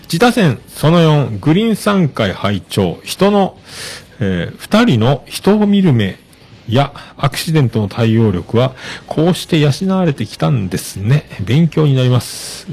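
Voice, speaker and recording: A man hosting a podcast, chatting casually as he reads out listener messages with many relaxed fillers. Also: medium pitch, measured pace, vocal fry, husky, soft background music. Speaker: podcast host.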